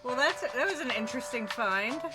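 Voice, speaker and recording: A woman's voice: fairly high pitch, animated, moderate pace. A woman streaming a game, chatting casually and bluntly with friends and swearing freely. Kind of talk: casual gaming stream chat. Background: elevator music from her voice mod.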